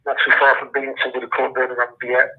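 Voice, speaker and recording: A Brooklyn man with a New York accent talks casually through a tinny prison phone line, the sound thin and squeezed. His voice stays flat and level, and his speech is laid-back street slang with a habit of "you know what I'm saying.". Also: medium pitch, racing. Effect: heard over a prison phone line. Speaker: incarcerated rapper calling in as guest.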